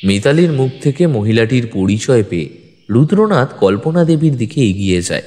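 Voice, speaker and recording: In a mid-range, dark voice with a sing-song lilt, a man narrates a scripted first-person detective story at a moderate pace. His storytelling is dramatic, recorded with long reverb over background music.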